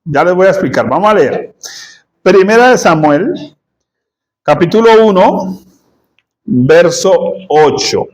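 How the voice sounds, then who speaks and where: A man's voice: high-pitched, lively intonation, takes it slowly, long pauses, a little mellow. A man preaching a sermon as pastor, conversational, often checking in with the congregation and laughing at his own jokes.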